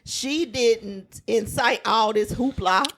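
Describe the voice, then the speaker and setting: A woman co-hosting a podcast in casual chat, relaxed and laid-back. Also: a little high, slow. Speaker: podcast co-host.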